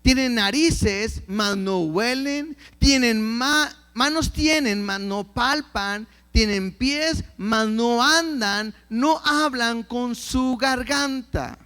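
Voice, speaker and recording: High-voiced man preaching a Bible lesson. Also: slow pace, hardly any pauses, sharp tone, smooth. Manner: reads scripture aloud and acts out quoted believers; repeats words when starting phrases. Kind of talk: Bible teaching sermon.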